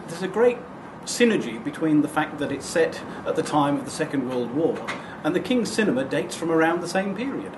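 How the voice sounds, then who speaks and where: A man with a slightly raised pitch talks thoughtfully in an interview. He stumbles and restarts now and then. Background noise is clearly audible. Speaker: volunteer story reader.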